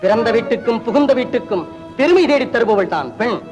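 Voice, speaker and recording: An actor playing a dignified elder brother in a classic film, speaking in measured, formal moral sayings. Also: male voice, very high voice, expressive, over loud music. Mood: moralizing. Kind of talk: 1950s Tamil film acting.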